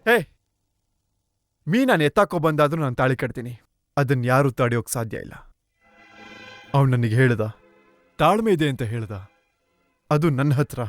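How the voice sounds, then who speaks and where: An actor dubbing a resolute young hero in a film. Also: male voice, mid-range voice, animated, moderate pace, long pauses, soft background music, natural voice. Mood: defiant. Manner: resolute, reassuring. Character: defiant young male hero.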